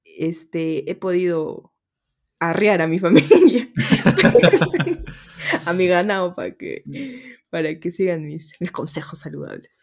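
Woman, low voice, podcast co-host, casual chat, playful, laughs often. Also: expressive, slow, a crowd in the background.

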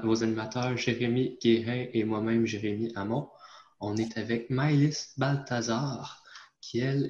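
A man hosting a podcast interview, asking relaxed questions with fillers. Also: medium pitch. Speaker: podcast host. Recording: muffled, roomy recording.

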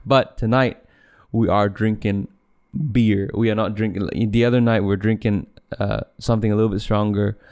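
A man's voice: lowish voice, fairly even intonation, moderate pace, darkish tone, clear, resonant tone. A young man from Malaysia hosting his own podcast, rambling casually, correcting himself and laughing often. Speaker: podcast host. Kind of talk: casual solo podcast chat. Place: home room, camera set back.

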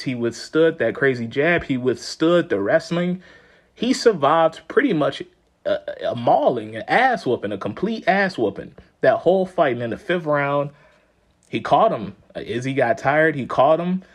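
A man hosting a podcast, talking through recent fights in a casual, animated and profane way. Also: mid-range voice. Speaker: podcast host. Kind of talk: casual sports commentary.

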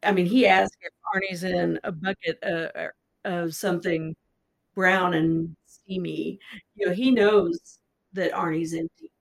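A middle-aged woman hosting a podcast, chatting casually about a novel and chiming in with quick agreement. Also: on the low side, steady tone, creaky. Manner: quick agreeing interjections, laughs easily. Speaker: podcast host. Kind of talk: casual book discussion.

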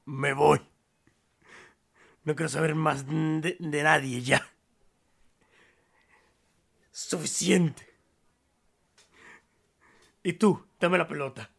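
A man voicing a grumpy, fed-up old man who speaks gruffly and loudly. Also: a little high, fairly even intonation, measured pace, few pauses, pitched above the performer's own voice.

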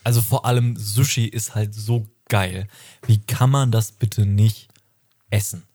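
A man's voice: on the low side, fairly even intonation, a little slow, a little mellow. Rambling young man in casual chat. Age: 20s. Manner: rambling, self-correcting, laughs often. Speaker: podcast co-host.

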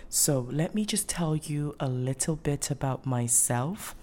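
Woman from Ghana, very low voice, podcast host, earnest, hesitant ums. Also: lively intonation, unhurried, dark tone. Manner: earnest, with many ums and restarts. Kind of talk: casual faith podcast monologue.

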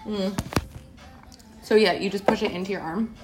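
Young female co-host, relaxed and playfully deadpan in casual conversation. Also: mid-range voice, normal speed, faint music behind. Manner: laid-back, playful, dry jokes. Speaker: co-host of a cider tasting show. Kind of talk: casual chat.

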